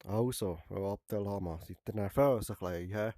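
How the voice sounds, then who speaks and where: A fairly low, mellow male voice at normal speed belongs to a young Swiss German streamer with a cold. He jokes around in character as a barber during a VR game, teasing and finishing phrases with an inquiring "hä?". The studio sound is clean, with no room sound.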